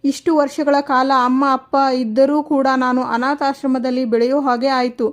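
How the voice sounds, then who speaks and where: A woman's voice: high-pitched, flat delivery, moderate pace, natural voice. A woman reading a heartbroken young daughter. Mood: pleading. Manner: pleading, earnest. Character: hurt young woman, betrayed by her fiancé.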